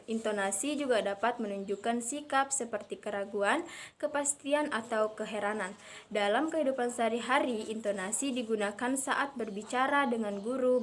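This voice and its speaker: Young woman reading a lesson, slightly high. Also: slight background noise. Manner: reads steadily with frequent "eh" fillers and restarts. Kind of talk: read-aloud lesson explanation.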